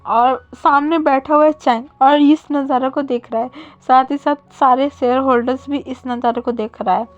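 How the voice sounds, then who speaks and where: A woman's voice: sits high, steady tone, normal speed, dull audio, soft background music. A woman casually retelling a fan story in a chatty way, with fillers and self-corrections.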